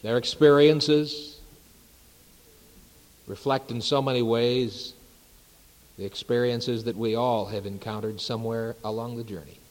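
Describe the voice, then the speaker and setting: A male pastor leads his congregation through scripture and prayer at a slow, deliberate pace, leaving reverent pauses between phrases. His voice sits at an ordinary middle pitch. A long reverb trails every word in the large sanctuary. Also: fairly even intonation, darkish tone. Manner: unhurried, measured preaching with reverent pauses. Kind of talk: sermon. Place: church sanctuary.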